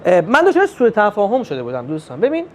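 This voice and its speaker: A young man performing a stand-up comedy routine, telling family stories and acting out the dialogue in an animated way. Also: sits high. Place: comedy club stage with live audience.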